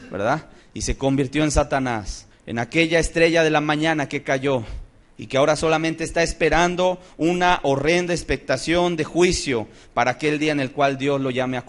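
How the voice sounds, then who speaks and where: A man preaching a Bible-study sermon. He is impassioned, swings from soft to loud, and asks rhetorical questions. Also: on the high side.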